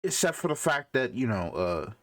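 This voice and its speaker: A man co-hosts a laid-back podcast conversation, his pitch swinging widely from low grumbles to high exclamations. He teases his co-host with an incredulous, animated manner. He keeps the tone of casual chat throughout. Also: moderate pace.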